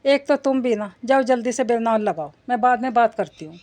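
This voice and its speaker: A fretful young woman, complaining yet caring, as a woman narrator reads her. The voice sits somewhat high, read in audiobook fashion. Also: lively intonation, brisk, darkish tone, slight background noise, natural voice. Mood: concerned. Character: young woman, worried friend and cousin.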